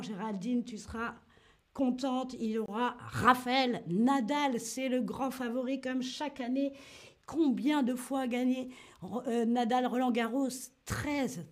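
Woman teaching french on a live stream, high voice, upbeat, grunts out tennis swings and chats with viewers. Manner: lively, demonstrates tennis shots with grunts; greets and answers chat viewers by name. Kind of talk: live online French lesson.

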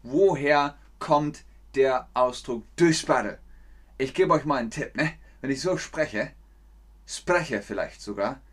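A man from northern Germany with a northern German accent, teaching a playful livestreamed language lesson and acting out insults in sudden loud bursts. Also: mid-range voice, lively intonation, takes it slowly.

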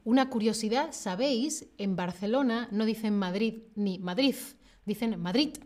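A woman from the south of Spain with a southern Spanish accent, teaching a live online Spanish lesson, speaking clearly and repeating her clues. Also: on the high side, noisy background. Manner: slow, clear, repeats clues, laughs often.

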